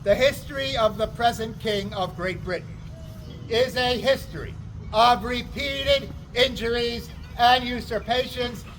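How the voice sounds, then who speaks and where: Man acting as a high-pitched town crier, proclaiming. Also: fairly bright tone, low-quality recording. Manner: declamatory, deliberate, broken into short phrases. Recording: outdoor recording with faint traffic noise.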